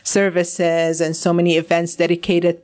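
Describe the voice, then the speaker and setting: A woman's voice: fairly low pitch, little pitch movement, moderate pace, darkish tone. A young woman from Syria, a radio guest talking enthusiastically in a casual interview, with lots of fillers and restarts.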